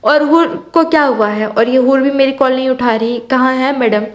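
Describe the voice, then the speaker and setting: A woman's voice: high voice, moderate pace, lightly acted. A woman voicing a young woman frantic and tearful over her sister in a storybook reading. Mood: desperate. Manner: pleading, tearful.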